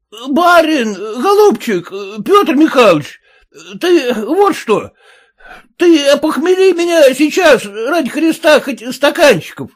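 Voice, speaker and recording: A man voicing a wheedling one-eyed peasant who begs for his money in a high whining voice. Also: big pitch swings, slow, heavily acted. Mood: pleading.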